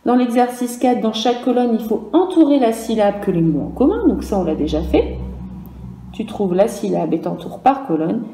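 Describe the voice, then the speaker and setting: A woman with a French accent teaching young children, speaking slowly and patiently, drawing out sounds and asking questions aloud. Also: fairly high pitch, expressive, dark tone, echoey room, slight background noise. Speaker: primary school teacher. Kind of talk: recorded virtual class lesson for young children.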